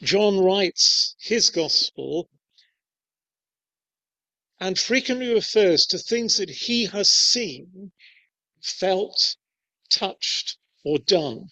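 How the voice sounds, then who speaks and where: A man preaching a sermon in a measured, deliberate way with pauses. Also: sits high, animated, bright, forceful tone. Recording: dull lo-fi recording.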